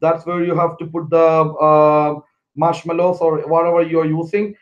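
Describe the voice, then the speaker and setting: A middle-aged man from India, talking casually to camera from his couch as a fishing vlogger, halting with many fillers and restarts. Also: fairly high pitch, flat delivery. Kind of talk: casual how-to talk to camera. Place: small living room, on a couch. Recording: slightly dull lo-fi sound.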